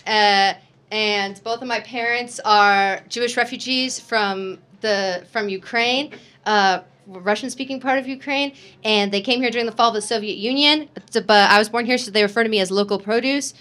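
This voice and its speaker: A young American woman doing a chaotic stand-up set with slides, rambling with quick asides and self-corrections into a stage mic at a small comedy venue. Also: mid-range voice, fairly bright tone. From United States.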